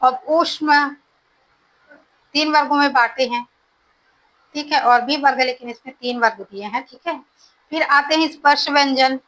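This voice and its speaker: In a low-quality recording, a woman with a high-pitched, fairly bright voice teaches Hindi grammar for exams. She explains slowly, repeats definitions, and checks understanding with short prompts such as "ठीक है".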